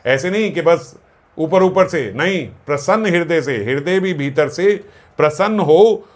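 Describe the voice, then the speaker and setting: A man giving a devotional discourse, explaining scripture verses, asking his own questions and answering them, and slowing down to chant Sanskrit lines. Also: on the high side, lively intonation. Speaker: spiritual discourse speaker.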